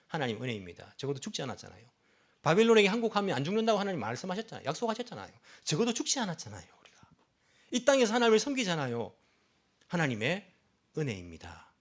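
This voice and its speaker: A male pastor delivers a sermon in a church, pressing the congregation with rhetorical questions and acting out the lines of people in the story. His voice sits a bit high and moves animatedly up and down. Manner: acts out quoted speech.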